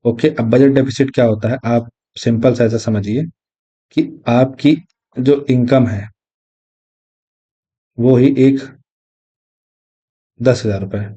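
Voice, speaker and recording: Mellow-voiced man giving an exam lesson. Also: medium pitch, steady tone, slightly rough. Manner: explains step by step, repeating key terms; reads English definitions slowly. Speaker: exam tutor. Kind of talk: recorded lecture. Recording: dull lo-fi audio.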